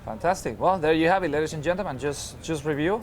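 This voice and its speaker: A man's voice: on the high side, fast talker, slight background noise. A man from Spain with a Spanish accent, hosting a ship's daily show as an upbeat, chatty cruise director. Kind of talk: unscripted show presenting.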